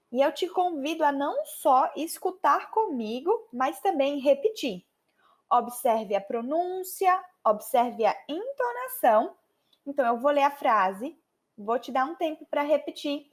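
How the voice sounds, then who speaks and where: A Brazilian woman hosting a podcast English lesson, lively and chatty, slowing down to repeat phrases for practice. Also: high voice. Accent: Brazilian Portuguese. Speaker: podcast host and English teacher.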